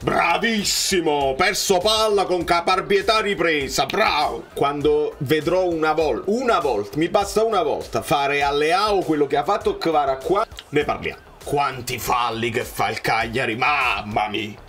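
A young man reacting live to a football match, cheering players and shouting at missed chances. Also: fairly high pitch, measured pace, few pauses, faint music behind. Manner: excitable, swings from muttering to shouting at plays.

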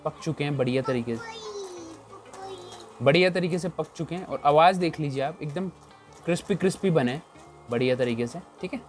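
Soft background music accompanies this cooking show chef, whose voice sits on the high side. He moves fairly quickly but leaves long pauses while casually demonstrating a recipe step by step, chatting away and repeating "look here" often.

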